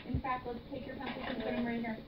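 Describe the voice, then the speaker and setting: High-voiced encouraging teacher, echoey classroom. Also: female voice, level tone, fast, highs cut off. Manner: patient, encouraging, prompting questions. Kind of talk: classroom instruction to young students. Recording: echoey classroom from far off, noisy.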